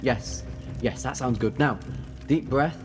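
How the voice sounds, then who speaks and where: A man's voice: mid-range voice, takes it slowly, music in the background, close to an everyday voice. A man playing a self-assured, eccentric adventurer in an audio drama, musing aloud in a theatrical, slightly pompous way. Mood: urgent resolve. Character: brisk, self-assured eccentric time-travelling male adventurer.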